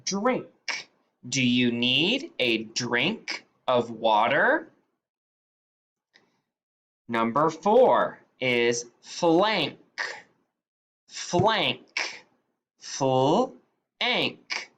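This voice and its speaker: A woman teacher giving a spelling dictation, sounding out each word slowly and repeating it with patient, clear delivery. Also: a bass voice, big pitch swings, fairly bright tone.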